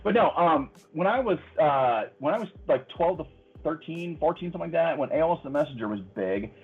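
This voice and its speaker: A man in his thirties tells stories as a friendly podcast guest, laughing easily. His voice is a bit husky, and he comes through a narrow, phone-like connection. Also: a little high, lively intonation, a little fast. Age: 30s. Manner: friendly, laughs often, storytelling. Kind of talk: casual interview chat.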